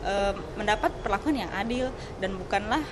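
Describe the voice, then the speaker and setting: A woman's voice: medium pitch, normal speed. Earnest woman interviewed amid street noise. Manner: earnest, with fillers like gitu. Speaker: activist interviewee. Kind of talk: field interview soundbite.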